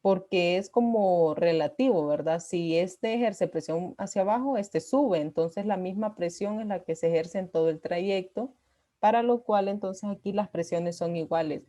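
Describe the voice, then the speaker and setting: A woman physics teacher talks a class through a lesson. Her voice sits a little low and sounds dark and mellow. She pauses on "eh" fillers and keeps checking in with "¿verdad?". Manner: explanatory, frequent "eh" fillers and "¿verdad?" tags. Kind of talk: recorded online class lecture.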